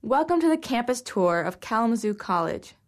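A woman's voice: a little high, big pitch swings, a little fast. A woman playing an institutional greeter, reading scripted announcements in a formal manner. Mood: polite, official. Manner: formal, clearly scripted delivery. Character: institutional greeter: bank phone menu, college admissions guide. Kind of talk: scripted test-audio announcement.

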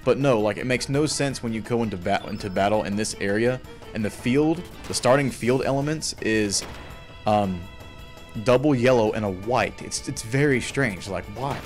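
A young man streaming a video game, chatting casually and saying "man" and "like" a lot. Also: fairly low pitch. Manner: laid-back, chatty, says "man" and "like" a lot. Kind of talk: casual gameplay commentary. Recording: faint game music behind.

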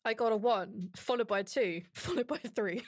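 A woman's voice: a little high, a little fast, no room sound, studio quality. A woman player in a tabletop game, playful and giggly, describing her character's actions. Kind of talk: casual tabletop role-play chat.

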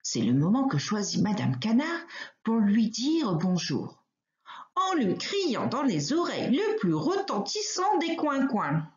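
A woman reading a children's picture book aloud at a slow, patient pace. Her voice moves up and down in a very lively way, and the recording sounds roomy and slightly dull. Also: fairly high pitch. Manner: expressive, unhurried. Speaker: storyteller. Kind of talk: children's story read aloud.

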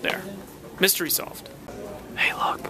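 A woman chatting casually in a family vlog, playful, teasing and excitable. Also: measured pace, whispered. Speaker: vlogger. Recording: noisy ambient background.

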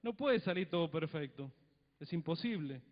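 A middle-aged man from Mendoza, Argentina, with a Cuyo Argentine Spanish accent, preaches a sermon into a handheld mic in a church hall. His voice sits on the high side with lively intonation at normal speed, and his chatty, conversational style is full of tag questions and little acted-out dialogues. The sound is dull and lo-fi, with long hall reverb.

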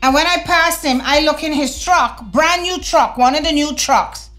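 A middle-aged woman vlogs at her desk, her voice pitched high and lively. She talks in a conversational, sermon-like way, tossing in slang. A faint bed of music plays behind her. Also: normal speed. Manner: animated, conversational, preachy asides with slang. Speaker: vlogger. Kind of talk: casual opinion vlog. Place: home room, indoors. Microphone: fixed camera at desk.

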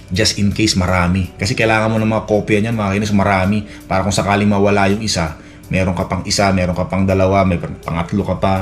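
Isang lalaking vlogger na nakatira sa Canada at kaswal na nagkukuwento ng sariling karanasan, paulit-ulit na nauutal at maraming "ano". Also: male voice, low voice, flat delivery, quick pace. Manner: rambling, many restarts and fillers, acts out quoted dialogue. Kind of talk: casual storytelling vlog. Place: Edmonton, Canada. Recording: faint music behind.

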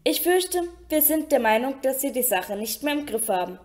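A woman's voice: sits high, big pitch swings, moderate pace, a little mellow. A cold, sneering aristocratic man, as a woman reads him in an audiobook. He speaks offhandedly, with a lightly raised, spiteful edge. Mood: smug, sneering. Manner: casual, spiteful.

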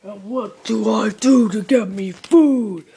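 Hungry cartoon dinosaur played by a woman: dopey, grumbling, dragged-out lines, pitched below the leprechaun. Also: slow, mellow, a little hiss or hum.

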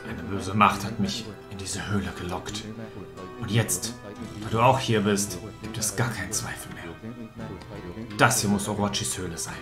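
Brooding proud swordsman acted by a man, solemn, measured, theatrical, game dialogue over clear music. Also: fairly low pitch, fairly even intonation, lightly acted. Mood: grim, resolute. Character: brooding proud male warrior bound to cursed sword. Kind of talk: dramatic video game read-aloud.

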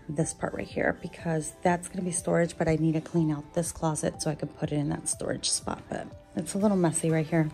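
A woman's voice: deep voice, creaky, dark tone. A young woman chatting casually to her viewers in a voice-over about cleaning her home, rambling with asides. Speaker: cleaning vlogger. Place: home living room.

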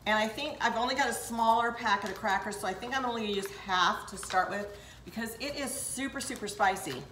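A woman's voice: a little high, fairly quick, bright, forceful tone, reverberant, a little hiss or hum, rough recording. An older woman hosting a home cooking demonstration, chatting straight to her viewers as she works in her kitchen. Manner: chatty, talks straight to viewers while working. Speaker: cooking show host.

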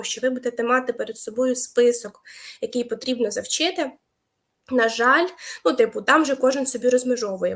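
Young woman, teacher, live online lesson, slightly high voice, patient explaining, hesitant fillers. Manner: explanatory, waits for viewers' answers, hesitant fillers.

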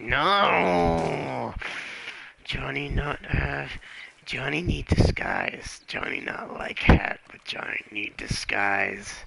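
A man's voice: medium pitch, heavily acted, low-quality recording. A man voicing a whiskey-craving undead cowboy who talks about himself in broken third-person speech during game role-play. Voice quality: gravelly. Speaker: streamer. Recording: loud game noise behind.

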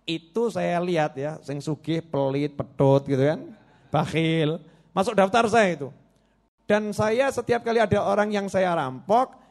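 A man voicing a repentant male robber chief who confesses in a plain, matter-of-fact way. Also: sits high.

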